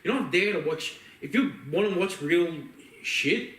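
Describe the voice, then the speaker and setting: Far from the mic in an echoey room, a podcast co-host with a high, fairly bright, expressive voice shares loose, sweary opinions about movies. He speaks a little slowly, rambling and emphatic.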